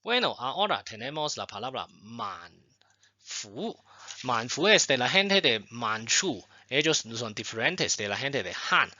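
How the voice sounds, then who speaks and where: Bright-voiced man teaching in Spanish. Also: medium pitch, no room sound, highs cut off. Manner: explains slowly with repetitions and frequent "bueno" and "ten cuidado". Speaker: Chinese language teacher. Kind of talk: online language lesson.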